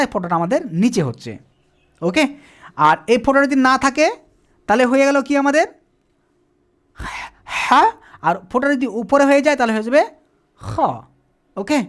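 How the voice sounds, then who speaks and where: A teacher giving a whiteboard lesson, explaining step by step, often asking questions and answering them himself. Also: mid-range voice. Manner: asks questions and answers them, repeats "ঠিক আছে?". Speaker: Quran reading teacher.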